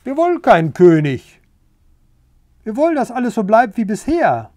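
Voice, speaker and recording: A man voicing stubborn, grumpy farmyard pigs in a storybook reading, gruff and dismissive. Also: fairly high pitch, lively intonation, moderate pace, darkish tone, no room sound, clean studio sound.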